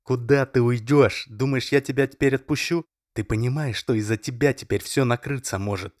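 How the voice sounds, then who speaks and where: A man's voice: lowish voice, normal speed, no echo, clean studio sound, voice pushed up, lightly acted. A male reader playing a domineering, violent young man who barks harsh, menacing orders. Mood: furious. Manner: barking, harsh, menacing shouting.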